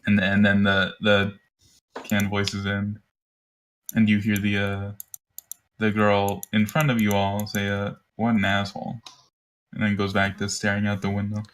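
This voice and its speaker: Male game master, lowish voice, rambling narration, faint background hiss. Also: completely flat delivery, measured pace, fairly bright tone. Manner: loose, rambling narration with many fillers. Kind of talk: narrating a tabletop game over voice chat.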